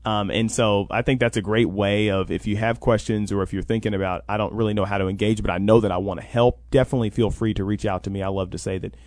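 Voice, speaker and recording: On a radio sports talk show, a college NIL program coordinator answers interview questions conversationally, often acting out what others would say. His voice is lowish, a little mellow and fairly even, delivered fast with hardly any pauses and no room sound.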